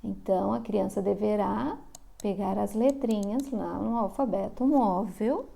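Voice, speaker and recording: Slow, gravelly Brazilian woman teaching. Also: medium pitch, warm tone. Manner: slow, drawn-out sounding of syllables. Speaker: literacy teacher. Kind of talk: instructional explanation for parents.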